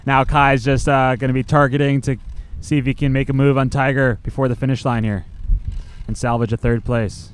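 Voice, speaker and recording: A man giving live race commentary in a steady, informative, analytical way. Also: mid-range voice, a little fast, clear, resonant tone.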